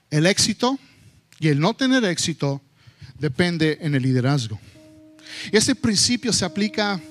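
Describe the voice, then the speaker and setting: A man preaching a sermon to his congregation, animated and mixing in English phrases, sometimes acting out loud scoldings of his children. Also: on the high side. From United States. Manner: slips between Spanish and English. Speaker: pastor.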